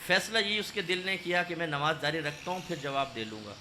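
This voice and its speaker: A male preacher, giving a storytelling sermon that swings between loud exhortation and hushed narration. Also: on the high side, sing-song, a little hiss or hum. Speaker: Islamic preacher.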